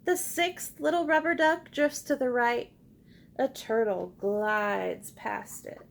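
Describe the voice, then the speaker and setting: Slowly and in a high, creaky voice, a female teacher shares a picture book with young children. She reads expressively and encouragingly, stopping to pose simple questions and invite the kids to call back answers.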